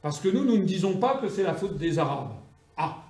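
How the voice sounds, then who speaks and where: Insistent man with a mellow voice. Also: high-pitched, big pitch swings, normal speed. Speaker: political campaigner. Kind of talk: political statement. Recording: echoey room from far off.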